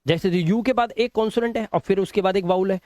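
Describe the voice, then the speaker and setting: A man with a fairly high voice and a Hindi accent teaches English pronunciation rules. He repeats example words slowly and keeps reassuring his students. The sound is close and dry. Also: darkish tone, dry recording. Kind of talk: classroom lesson explaining rules.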